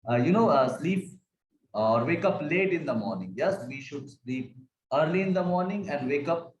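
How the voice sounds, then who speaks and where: A man with an Indian English accent teaching a bilingual lesson. He recites poem lines slowly in a sing-song way and explains them quickly in Hindi. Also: fairly high pitch, animated, echoey room, poor audio.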